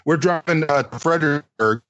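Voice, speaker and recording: A man's voice: a little high, normal speed, a bit bright, lo-fi sound, slight background noise. A man, a co-author guest on a remote call, tells stories in a teasing way and chuckles along. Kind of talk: casual remote interview chat.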